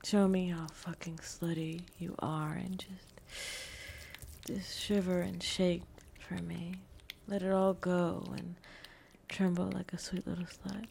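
A woman whispering a teasing, dominant audio roleplay in a breathy voice, with soft chuckles between phrases. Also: lowish voice, level tone, slow pace, slight background noise.

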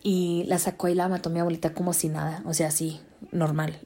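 A young woman with a fairly low voice tells a story briskly as a vlogger. She keeps it casual and chatty, slipping into English and getting slangy and animated as she retells it.

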